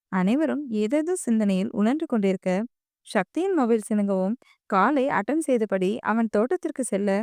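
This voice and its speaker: A woman narrating an audio novel in a steady storytelling manner. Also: on the high side, no room sound, clean studio sound. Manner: steady storytelling, voicing every character.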